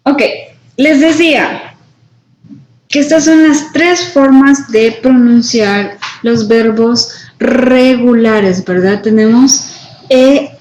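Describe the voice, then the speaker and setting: A woman's voice: on the high side, a little mellow, slight background noise. A woman English teacher giving a classroom lesson, explaining step by step and checking understanding with frequent tag questions. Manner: slow, explanatory, checks in with "right?" and "¿verdad?". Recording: echoey room, dull lo-fi sound.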